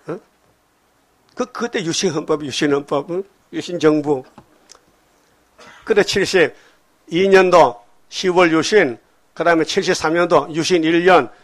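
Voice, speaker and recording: An older man preaching a sermon to his congregation, rambling from story to story and prodding the listeners with quick questions. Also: a little high, a bit bright. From Gyeongsang Province, Korea. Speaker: pastor.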